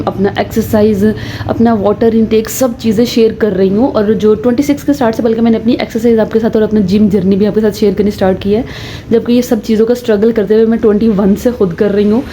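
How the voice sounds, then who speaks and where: A woman's voice: mid-range voice, mellow. A woman, chatting directly to her viewers in a casual home vlog. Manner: chatty, talks straight to viewers. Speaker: lifestyle vlogger. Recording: noisy home recording.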